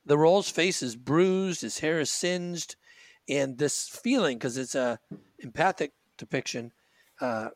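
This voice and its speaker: A man's voice: on the high side, no echo. A man narrating as game master in a tabletop game, talking loosely with fillers and restarts. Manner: rambling, with many fillers and restarts.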